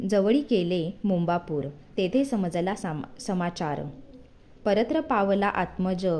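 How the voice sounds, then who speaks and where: A woman reading a devotional scripture aloud, reciting it verse by verse in a measured cadence. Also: medium pitch, mellow. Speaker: devotional reader.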